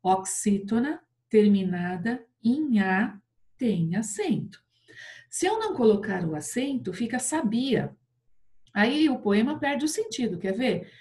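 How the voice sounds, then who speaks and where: A woman's voice: on the high side, warm tone. A Brazilian woman teaching an online Portuguese class to fourth graders, explaining patiently and checking in with tag questions. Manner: patient, drawn-out sing-song explaining with many tag questions. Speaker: primary school teacher.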